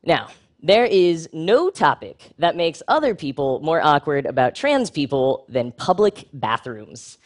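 A man presents a prepared public talk in an unhurried way. He's wry, frank and humorous, lifting his pitch in lively jumps for emphasis.

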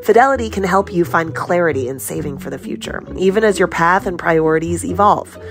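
A woman reading scripted ads for a podcast in a smooth, upbeat promotional delivery. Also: on the low side, a little fast. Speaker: ad reader for a podcast. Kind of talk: scripted ad read.

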